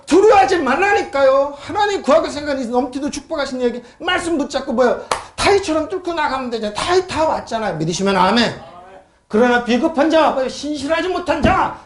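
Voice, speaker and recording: Woman preacher, keeps firing questions at the crowd, voice jumps all over, roomy church sound. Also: a little high. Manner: emphatic, peppered with rhetorical questions to the congregation. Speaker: pastor. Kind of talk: sermon with scripture reading.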